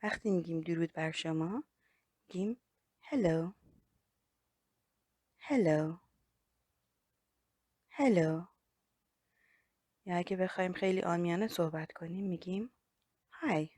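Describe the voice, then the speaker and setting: A woman with a Persian accent teaching English, repeating each word slowly several times for learners. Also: fairly low pitch, warm tone, no room sound, studio quality. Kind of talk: slow repetition drills for learners.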